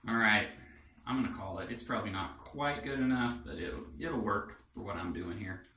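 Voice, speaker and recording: A man's voice: on the low side, moderate pace, sharp tone, slight background noise. A man casually demonstrating his shave at home in his bathroom, joking and thinking aloud as he works. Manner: joking, rambling, thinks aloud while working. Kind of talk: casual how-to chat. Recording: echoey bathroom, far from mic, faint music.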